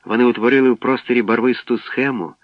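A man reading an audiobook in a steady, even manner, on a dull, dry recording. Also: medium pitch, fast, no room sound. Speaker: narrator. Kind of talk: audiobook narration.

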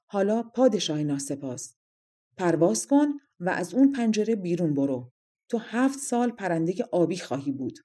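A woman's voice: lowish voice, very animated, mellow. A woman voicing a commanding fairy who scolds and pronounces punishments. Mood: stern.

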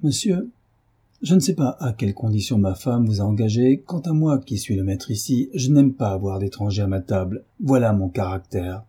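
A man reading aloud, voicing a brutal middle-aged father who shouts roughly and sarcastically. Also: fairly low pitch, animated, normal speed. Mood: furious, gruff.

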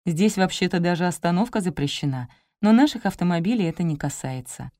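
A woman narrating a comic detective audiobook in the first person, lively and expressive, on a close studio mic. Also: fairly low pitch, a little fast, dry recording.

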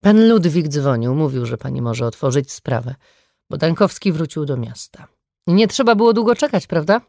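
A woman reading the part of a bitter grieving mother in an audiobook, speaking in a sharp, accusing way. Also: low voice, very animated, normal speed, gravelly, dry recording, studio quality, full character voice.

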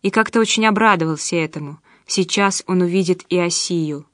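A woman's voice: fairly low pitch, moderate pace, a bit bright, dry recording, studio quality. Woman narrating an audiobook. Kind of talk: scripted narration.

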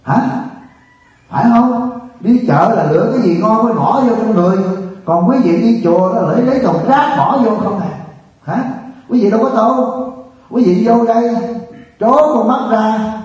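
Man, monk, scolding sermon, distant mic, muffled boomy hall. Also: normal speed, pauses often, a little mellow. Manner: scolding, rhetorical, keeps asking "hả?". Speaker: monk giving a dharma talk. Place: large meditation hall.

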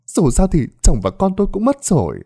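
A man's voice: high voice, wildly swooping pitch, a little fast, creaky, dark tone, voice pushed up, exaggerated voice. A man voicing a remorseful older woman in a ghost story, pleading for mercy.

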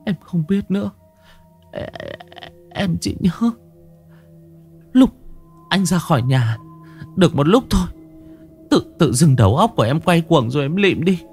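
A man's voice: sits high, slow, warm tone, faint music behind, voice pushed up. A man voicing a terrified young village wife who stammers in breathless panic. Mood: frightened.

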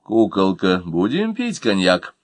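A man's voice: sits low, wildly swooping pitch, a little slow, no echo, voice pushed down, heavily acted. A man voicing a middle-aged patron of the arts who speaks in a dry, ironic way, in an audiobook.

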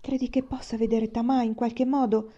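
An intense young man in love, voiced by a woman narrator in a storybook, pressing and clipped. The tone is warm and mellow, on a muffled, lo-fi recording. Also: fairly high pitch, level tone, moderate pace, voice pushed up, close to an everyday voice. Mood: urgent. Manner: urgent, then cool and curt.

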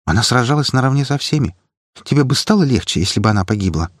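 A man's voice: medium pitch, animated, fast, no room sound, clean studio sound, pitched above the performer's own voice, natural voice. A man voicing Svetlana, a worried, sensible young woman student who reproaches and cautions the others. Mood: reproachful.

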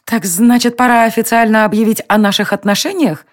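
A woman's voice: fairly high pitch, fairly even intonation, fairly quick, pitched above the performer's own voice, natural voice. Woman voicing a sulky, venomous elf lady. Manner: pouting, venomous.

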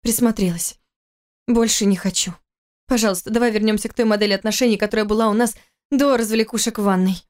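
A young wife, hurt but firm, her voice lifted higher by a woman reading her. She pleads and protests with feeling in an audiobook style. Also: steady tone, fast talker, a little mellow, close to an everyday voice.

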